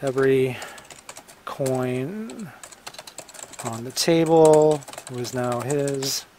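A writer slowly dictates a story draft word by word, stopping again and again to revise the wording. The voice sits at an ordinary middle pitch. Faint keyboard clicks and a light noise floor run underneath. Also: warm tone. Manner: halting, stops often to revise wording. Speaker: novelist writing a draft live. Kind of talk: dictating fiction while typing. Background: computer keyboard typing.

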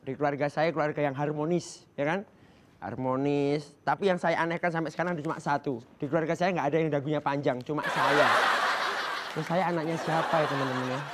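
A man from Java doing a stand-up routine on a comedy stage, acting out shouts and slow, soft talk. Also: fairly high pitch, fairly even intonation, noisy background. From Java, Indonesia.

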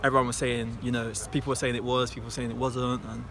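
A young English football player answers post-match questions outdoors at night, casual and quick with lots of fillers. His mid-range voice stays level in tone, with crowd noise around him.

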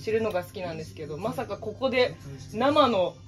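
A woman's voice: medium pitch, animated, fast talker, music in the background. A young woman chatting as an interviewer, polite and attentive, in a casual conversational style. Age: young adult. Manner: polite, with frequent attentive responses. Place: small Japanese living room, indoors, seated at a table.

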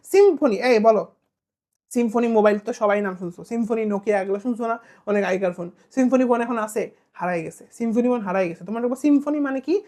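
A woman's voice: a little high, fast talker, warm tone. A woman with a Bangladeshi Bengali accent teaching an exam-prep vocabulary lesson, quizzing the listener with playful repetition and memory tricks.

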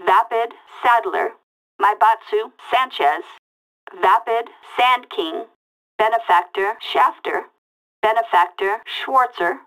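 A slightly high, somewhat bright female voice reads car makes and models as callouts for a video game police dispatcher role, heard through a police radio filter. The actress speaks slowly, word by word, keeping it clipped, flat, and procedural. Audio quality is poor.

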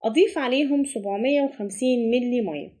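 Brisk high-voiced Egyptian woman. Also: dark tone. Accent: Egyptian Arabic. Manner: brisk step-by-step instructions. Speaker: cooking channel host. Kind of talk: recipe voice-over narration.

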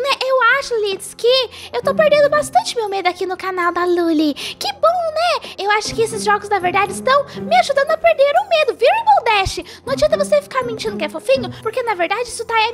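A woman voicing a timid, easily frightened young female pony, chatting through a game in character and shrieking when scared. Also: extremely high pitch. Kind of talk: let's play game commentary in character. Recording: loud game music behind voice. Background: loud game music.

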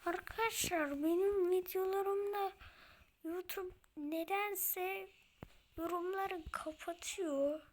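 A woman's voice: very high voice, fairly even intonation, slow. A woman giving casual let's-play commentary to her viewers, often exasperated and grumbling at the game. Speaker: gamer, channel host.

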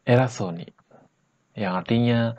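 A man from Bali teaching Japanese slang in a casual lesson, saying each phrase slowly and then at normal speed, and tagging lines with a chatty "guys, ya". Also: medium pitch, a little mellow, muffled recording. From Bali, Indonesia. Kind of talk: casual vlog-style lesson.

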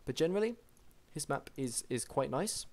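A young man casually commentating a strategy game match, chatty and excitable, with frequent restarts. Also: a little high, moderate pace. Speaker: game caster.

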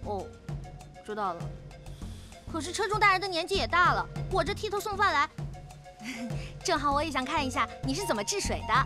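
A woman's voice: high-pitched, very animated, fairly quick, pauses often, loud music behind the voice. An actress playing a bold, playful young mountain village girl in a historical TV drama. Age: young adult. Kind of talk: television historical drama dialogue.

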